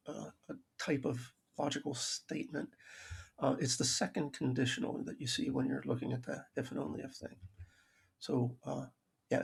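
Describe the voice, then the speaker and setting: A man's voice: mid-range voice, a little mellow. A man giving a recorded math lecture over slides, explaining logic with dry self-aware humor and frequent restarts. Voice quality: gravelly, husky voice.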